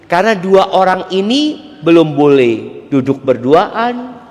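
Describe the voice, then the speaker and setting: A man's voice: sits high, sing-song, slow pace, in a large hall. A male preacher giving a religious lecture and answering audience questions, in a conversational way with joking asides.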